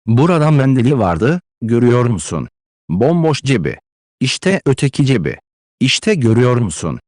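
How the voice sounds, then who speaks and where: A man's voice: medium pitch, very animated, moderate pace, a little mellow, dry recording, natural voice. A man voicing a distraught, consumptive widowed mother who pleads and scolds with emotional declamation, in a dry close-miked audiobook read. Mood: furious.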